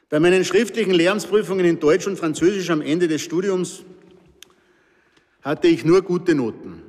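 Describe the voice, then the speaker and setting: On the high side, this older storyteller, 60 or over, hails from Pinzgau in Salzburg, Austria, and has its accent. He reads his own stories and tells live anecdotes to an audience with dry, wry humour, recorded in an echoey hall with long reverb.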